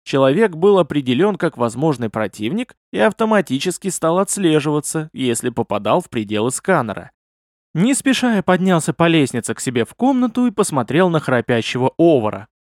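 Guy reading a fantasy audiobook, lively voice that jumps around, kinda high, dry close sound. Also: fairly quick, no echo. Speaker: audiobook narrator. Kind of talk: scripted fantasy audiobook narration.

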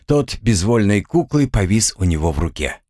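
A man reads a fantasy novel aloud in a measured, storytelling way. His voice sits fairly low, yet his pitch moves a great deal as he tells it. The recording is dry and close, with no room sound. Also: sing-song, darkish tone, no room sound. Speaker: audiobook narrator. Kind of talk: audiobook narration.

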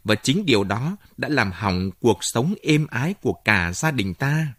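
A man's voice: mid-range voice, big pitch swings, unhurried, fairly bright tone, breathy edge, no echo, clean studio sound, full character voice. Man playing a bitter, stubborn mother.

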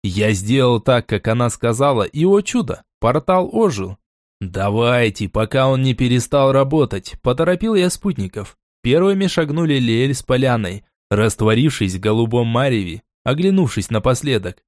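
A man narrating a first-person fantasy audiobook in an expressive, dramatic reading style. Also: medium pitch, normal speed, hardly any pauses, dry recording, clean studio sound.

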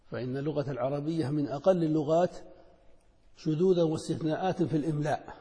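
A man teaching a lesson in a measured, explanatory way, posing questions and answering them himself. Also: a little high, warm tone. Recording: long hall reverb.

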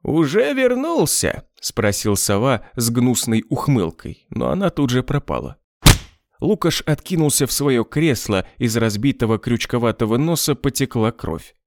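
A man narrating a novel in an even, measured storytelling voice. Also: mid-range voice, no echo. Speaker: audiobook narrator. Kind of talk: scripted narration.

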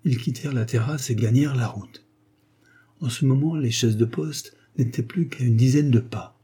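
Guy reading an old novel, husky dark voice, steady. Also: medium pitch, normal speed. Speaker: audiobook narrator. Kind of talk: reading a classic novel aloud.

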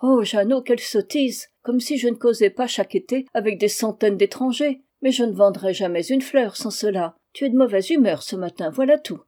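A woman's voice: on the high side, moderate pace, hardly any pauses, close to an everyday voice. A woman reading aloud, voicing a naive sixteen-year-old flower girl in a lifted, lilting voice. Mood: lively. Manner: bright, lilting and eager.

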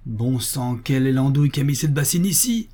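A man's voice: medium pitch, expressive, fairly quick, mellow, lightly acted. A man voicing a lazy, indignant young sleeper.

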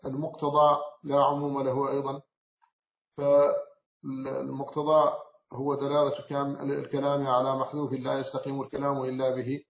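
A man from Mauritania, an Islamic scholar, giving a measured explanatory lecture on a classical text, often pausing and correcting himself. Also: medium pitch, completely flat delivery, creaky. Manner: measured, explanatory, with frequent self-corrections and hesitations. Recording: roomy, slightly dull recording.

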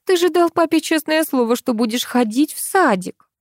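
A woman's voice: fairly high pitch, very animated, moderate pace, darkish tone, dry recording, clean studio sound, voice pushed up. A woman voicing an anxious, fussy young mother who clucks over her son in an audiobook. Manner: pleading, fussy. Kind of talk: audiobook character voice.

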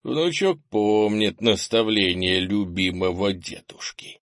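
A man voicing a hulking, gruff old grandfather warrior who is wounded and hoarse, grumbling and bossy in an audiobook story. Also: lowish voice, expressive, slow, a bit bright, no room sound, studio quality, exaggerated voice. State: wounded and out of breath.

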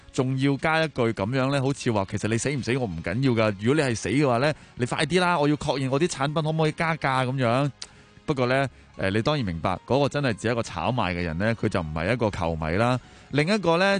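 A man with a Hong Kong Cantonese accent hosts a talk show, commenting and telling stories in a colloquial, conversational way with rhetorical questions. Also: medium pitch. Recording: music behind the voice. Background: background music.

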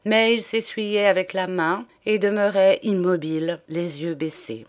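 A woman reads a classic novel aloud as audiobook narration. Her delivery is measured and expressive, with a dramatic lilt that rises and falls through the long sentences. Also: fairly low pitch. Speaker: audiobook reader.

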